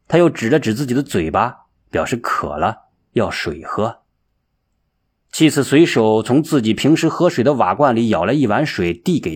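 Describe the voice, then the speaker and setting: Male audiobook narrator, husky voice, steady unhurried storytelling. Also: mid-range voice. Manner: slow, measured storytelling.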